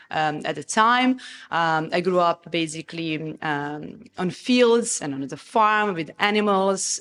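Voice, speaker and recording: A woman from Serbia with a Serbian accent, speaking as an interview guest in a calm, thoughtful way, pausing often with ums. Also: on the low side. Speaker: guest, restaurant founder. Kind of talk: reflective interview conversation. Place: restaurant bistro. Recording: roomy reverb in a bistro.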